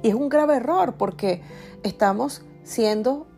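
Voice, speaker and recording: A woman's voice: a little high, measured pace, vocal fry, mellow, faint music behind. A woman podcast host, telling a story in a chatty, confiding way and speaking straight to her listeners. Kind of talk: casual storytelling.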